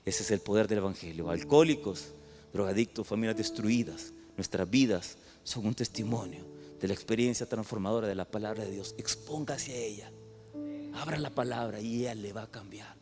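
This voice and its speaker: A pastor delivers a sermon to his congregation in a church hall, alternating between loud outbursts and hushed stretches and frequently asking listeners questions. His voice is medium-pitched, and the echoey recording carries faint music.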